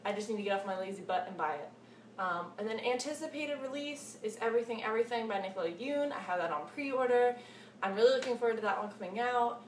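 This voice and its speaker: Expressive and quick, with a slightly high voice, a woman in her twenties chats casually about books for her vlog, piling on enthusiasm and repeated words. The sound comes from a nearby camera mic in a small, cluttered home room, so it's echoey with a faint hiss.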